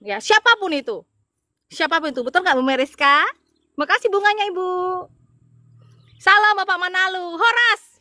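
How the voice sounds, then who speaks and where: A woman's voice: extremely high pitch, expressive, normal speed, long pauses, pushed and bright, dry recording, clean studio sound. A middle-aged woman from Madura, Indonesia, an evangelist talking casually to her viewers, stressing and repeating her points. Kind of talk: casual livestream talk to viewers.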